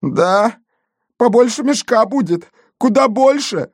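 A man voicing an excitable, wounded male gendarme who boasts and shouts in a storybook reading. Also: fairly high pitch, unhurried, no room sound, clean studio sound, pitched above the performer's own voice, lightly acted. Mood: excited.

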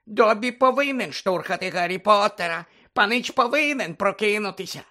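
A man voicing an excitable male house-elf servant, in a squeaky, high-pitched voice, eager and pleading, who talks about himself in the third person. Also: moderate pace. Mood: urgent. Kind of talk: audiobook character voice.

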